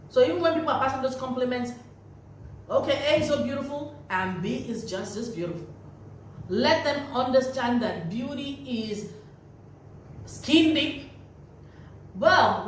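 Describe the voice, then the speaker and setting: A woman giving earnest, preachy parenting advice to camera, repeating key phrases for emphasis. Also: a little high. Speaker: parenting vlogger. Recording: very echoey room, voice from a distance, faint noise.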